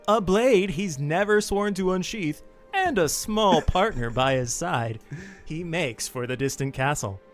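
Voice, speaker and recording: A man voicing an upbeat male romantic-comedy trailer announcer, loud and bouncy, laughing through it. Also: a little high, voice pushed up.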